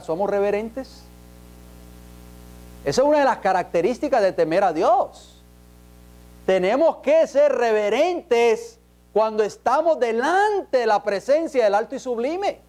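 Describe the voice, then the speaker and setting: A man's voice: very high voice, darkish tone. A man preaching an emphatic sermon in a church, peppering the congregation with rhetorical questions.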